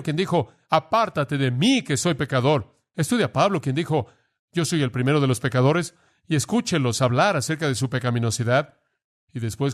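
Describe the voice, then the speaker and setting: A man preaching a sermon, earnest and pressing, asking the listeners direct questions. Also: mid-range voice.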